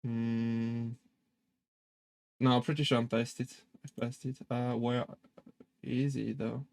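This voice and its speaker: A young man with a French accent streams live as a VTuber, chatting casually but hesitantly, full of fillers and restarts. His voice is medium-pitched and level, slow, darkish, with vocal fry.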